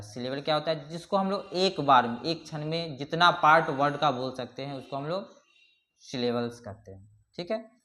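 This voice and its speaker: A man teaching a grammar lesson, slowly reading out English definitions word by word and often checking in with his class. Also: on the high side, a bit bright. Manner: slow explaining, reads English definitions word by word, repeats "ठीक है".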